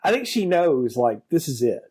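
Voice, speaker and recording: A man co-hosting a film podcast, chatting casually and expressively with quick asides. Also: on the high side, very animated, a little mellow, husky. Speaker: podcast co-host. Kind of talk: casual film review chat.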